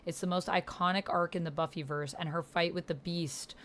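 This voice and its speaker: Brisk and fairly bright in tone, her voice is fairly low with fairly even intonation. She's a woman in her thirties livestreaming as a player, casually and playfully reading typed roleplay aloud and reacting.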